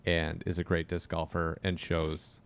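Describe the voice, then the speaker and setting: A man's voice: deep voice, completely flat delivery, unhurried, vocal fry, clear, resonant tone. A young man hosting a casual podcast, telling stories with dry teasing humor. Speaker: podcast host.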